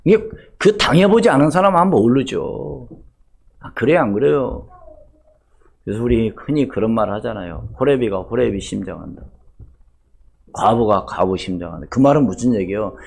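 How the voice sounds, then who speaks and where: An older man preaching a Sunday sermon as pastor, asking the congregation rhetorical questions and swinging between loud emphasis and hushed asides. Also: mid-range voice, expressive, normal speed, creaky, breathy edge. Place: church sanctuary.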